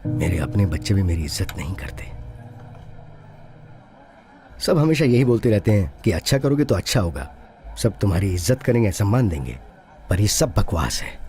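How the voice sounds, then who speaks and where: A weary older police officer, suspended and grieving his late wife, whose low, mellow voice turns mournful and tearful as he keeps calling his listener "sir". He sounds bitter and broken in this dubbed film drama, with a faint score underneath. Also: sing-song, moderate pace, pauses often, soft background music. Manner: mournful, deferential, repeats "sir". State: tearful, voice breaking. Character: aging honest policeman, bitter grieving widower.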